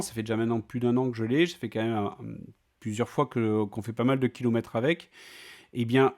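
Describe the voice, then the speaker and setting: A man talking casually in a vlog, chatty and full of fillers and restarts. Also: medium pitch. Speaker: vlogger.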